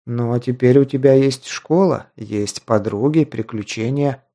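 A man's voice: mid-range voice, unhurried, warm tone, lightly acted. A man reading an audiobook, voicing a wry, teasing young male hero in close to his own voice.

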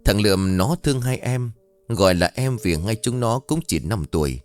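A man narrating a dark story in a dramatic, lively storytelling manner. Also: fairly low pitch, moderate pace, faint music behind.

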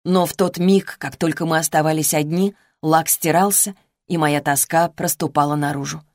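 A woman reading a novel as a first-person audiobook narrator, in a steady, measured way on a close studio mic. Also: low-pitched, dry recording.

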